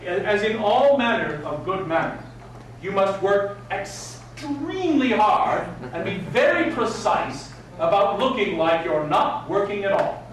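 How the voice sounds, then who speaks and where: A man leads a live etiquette class in a slow, deliberate delivery. His enunciation is prim and precise, with formal, old-fashioned wording. The voice is high for a man and comes through from a distance with some faint noise. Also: very animated. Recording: very echoey room, distant mic, faint noise.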